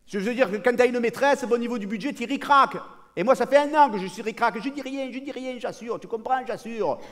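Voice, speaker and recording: A comedian acting out a brash, boastful cheating husband, talking cockily and excitably to a partner who is never heard. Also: male voice, extremely high pitch, a little fast. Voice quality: cocky, excitable, talks over an unheard partner. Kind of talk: live stand-up character monologue.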